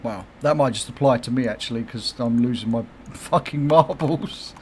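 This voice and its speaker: A man's voice: mid-range voice, moderate pace, a little mellow, a little hiss or hum. A middle-aged man chatting casually on his game livestream, swearing freely, laughing often and reacting to chat comments. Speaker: game streamer.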